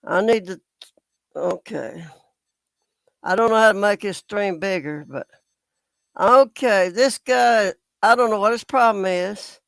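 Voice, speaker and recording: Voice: mid-range voice, unhurried, creaky, pauses often, dry recording. Indignant YouTube commentator, dry close sound. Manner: indignant, exasperated, repeatedly addresses viewers as folks. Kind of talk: casual talk reading comments aloud.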